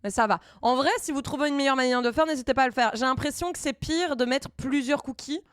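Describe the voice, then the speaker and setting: Woman streamer coding live, kinda high smooth voice, lots of umms and restarts, dry sound. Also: dry recording. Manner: hesitant, halting, many fillers and restarts. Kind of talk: casual thinking aloud while programming.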